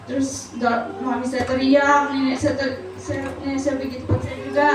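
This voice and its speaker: High-voiced woman in an echoey hall. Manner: soft, hesitant storytelling with pauses. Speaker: church member giving testimony. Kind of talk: personal testimony at a church service. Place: church hall. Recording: very echoey hall, voice from far off, noisy.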